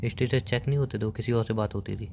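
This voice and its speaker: A man's voice: fairly low pitch, steady tone, quick pace, creaky, warm tone, a little hiss or hum. A young man making a prank phone call to his girlfriend, accusing her in a teasing, mock-serious way.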